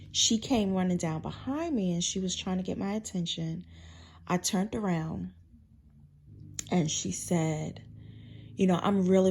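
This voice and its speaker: Unhurried middle-aged woman telling a dream. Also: medium pitch, darkish tone, a little hiss or hum. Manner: rambling, conversational, acts out quoted lines. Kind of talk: personal storytelling, recounting a dream.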